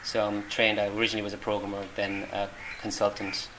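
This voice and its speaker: This middle-aged Irish interviewee, a volunteer, talks fast in a low voice with a completely flat delivery. He hesitates through his answers with plenty of ums and restarts. The casual interview is recorded against noisy room ambience.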